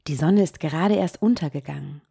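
A woman with a low, mellow, breathy voice leads a guided meditation. She talks very slowly and softly and often drops into a near whisper. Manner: slow, soft-spoken, gently guiding, drops into whispers. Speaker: meditation podcast host.

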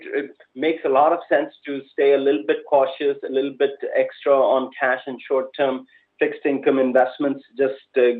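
A male guest strategist speaks over a narrow, phone-like connection. His pitch is average. He gives unscripted, analytical commentary, working through his points with halting pauses. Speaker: investment strategist, podcast guest.

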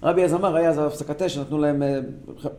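Male Torah teacher, impassioned, quite high voice, roomy recording. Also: fairly even intonation, over a noisy crowd. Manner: impassioned, swings from loud exclaiming to low intensity. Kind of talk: Torah lesson to a group.

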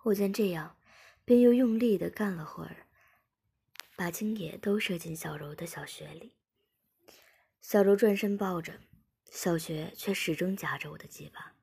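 A woman narrating an erotic story in a soft, intimate reading voice that often drops into a whisper. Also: fairly low pitch, normal speed, gravelly, pauses often, slightly rough.

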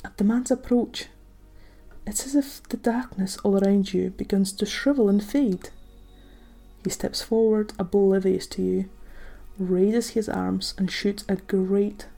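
A woman with a warm, mellow, medium-pitched voice narrates like a sleep story guide. Her scripted meditation delivery is gentle and unhurried, with phrases trailing softly into breath. Faint music plays behind her. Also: vocal fry.

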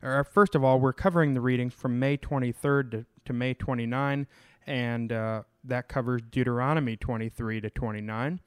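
A male podcast host chats casually about scripture in a smooth, clear, mid-range voice with fairly even intonation. He speaks haltingly, often restarting sentences or filling gaps with "uh." The recording is close and dry, with no room sound.

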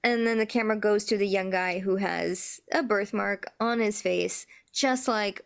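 A woman co-hosting a podcast recaps a TV episode in easygoing conversation, laughing often and using lots of "like" and "you know." Her mid-range voice is gravelly yet clean in tone, delivered at a measured pace.

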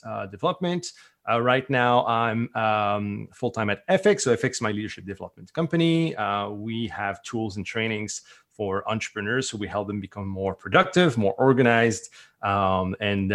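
A man's voice: medium pitch, a bit bright. Chatty man, light French-influenced eastern Canadian accent. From eastern Canada, French-speaking island off Newfoundland. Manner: informal, chatty. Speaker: entrepreneur, coaching company founder, guest. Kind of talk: casual interview chat.

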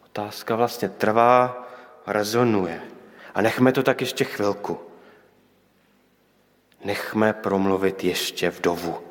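A man's voice: on the low side, pauses often. A man preaching a sermon, reflective, with pointed rhetorical questions and quoted voices. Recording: long hall reverb.

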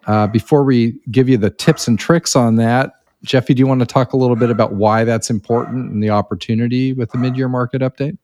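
A man's voice: medium pitch, steady tone, brisk, hardly any pauses, a little mellow. A man co-hosting a casual podcast, chatty and upbeat, with folksy playful asides. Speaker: podcast co-host.

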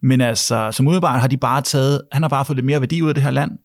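Gravelly-voiced man hosting a podcast. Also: mid-range voice, steady tone, no echo, clean studio sound. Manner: thinks aloud, repeats words, tags lines with a questioning 'right?'. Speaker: podcast host. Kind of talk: casual podcast discussion.

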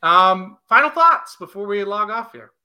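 A man hosting a casual sports talk show. He runs through betting picks in an excitable, joking way and pokes fun at himself. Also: sits high, measured pace, low-quality recording. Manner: excitable, joking, self-mocking.

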